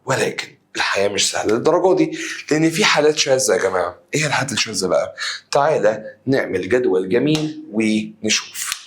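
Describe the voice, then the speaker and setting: A young man with an Egyptian Arabic accent giving an exam review lesson, lively and repetitive, drilling students to chant key terms back to him. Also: medium pitch, quick pace. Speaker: English teacher.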